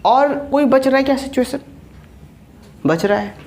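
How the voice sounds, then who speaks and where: A woman's voice: high-pitched, lively intonation, a little slow, darkish tone. A woman maths teacher with a Jharkhand Hindi accent giving an online lecture. She explains step by step and keeps checking that students follow.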